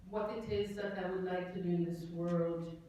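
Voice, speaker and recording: A middle-aged Jamaican woman speaking at a poetry tribute event, reflective and halting, with many fillers and restarts. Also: lowish voice, fairly even intonation, warm tone, slight background noise. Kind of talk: unscripted remarks before a reading. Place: event hall. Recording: very echoey hall, voice distant.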